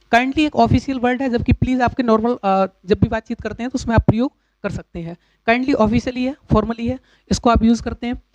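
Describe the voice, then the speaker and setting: A man's voice: very high voice, a little mellow, no room sound. Man, grammar teacher, classroom lecture, patient explaining, dull dry recording. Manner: explains slowly with fillers and repeated examples.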